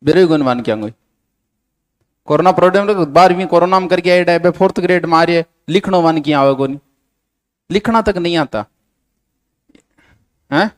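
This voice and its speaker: डाँटते हुए पढ़ाने वाला राजस्थानी शिक्षक. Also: male voice, fairly high pitch, normal speed, long pauses. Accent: Rajasthani. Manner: scolding, lecturing students bluntly. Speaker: coaching teacher. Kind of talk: classroom lecture with dictation. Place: coaching classroom.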